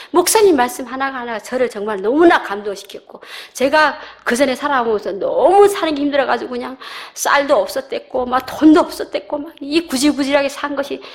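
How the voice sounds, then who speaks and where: Animated middle-aged woman giving testimony. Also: high voice. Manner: animated storytelling, acts out voices and laughs. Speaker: church member giving testimony. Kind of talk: personal testimony.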